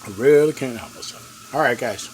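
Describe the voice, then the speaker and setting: A man with a drawl talks folksy and easygoing, narrating his own home cooking. He sits at an ordinary middle pitch. Frying and boiling sounds hiss clearly behind him in a cramped camper kitchen. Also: normal speed, rough recording. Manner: folksy, chatty, talks with mouth full. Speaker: cooking vlogger. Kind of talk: casual cooking vlog. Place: camper kitchen with propane cooker. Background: boiling water and frying.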